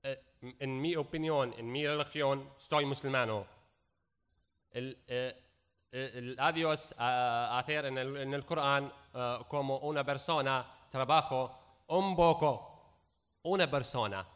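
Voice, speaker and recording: Syrian guy w/ arabic accent giving a testimony, slow broken halting speech, clear smooth voice. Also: mid-range voice, fairly bright tone. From Raqqa region, Syria. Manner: halting, broken Spanish with frequent repetitions and word searching. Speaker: guest speaker. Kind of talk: public testimony.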